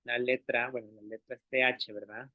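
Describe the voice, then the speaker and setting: His delivery flat and his pace normal, a male language teacher with a mid-range voice presents to other teachers. He takes care to see they follow along and pronounces sounds aloud as models, all captured in a dry, tinny, phone-like recording with no room sound.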